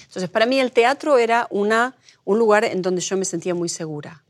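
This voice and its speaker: A middle-aged woman from Argentina with an Argentine accent, a guest telling lively stories in an interview and acting out the voices she quotes. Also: mid-range voice, brisk. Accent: Argentine Spanish. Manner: animated storyteller, acts out quoted voices. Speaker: guest, producer. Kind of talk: conversational interview.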